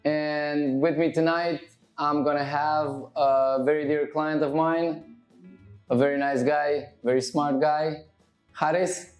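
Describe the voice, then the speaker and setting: A man's voice: on the high side, little pitch movement, slow pace, reverberant, faint music behind, rough recording. A man hosting a podcast as a barber, chatting casually with a client while cutting his hair, loose and full of fillers. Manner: loose, laid-back, heavy on fillers and swearing.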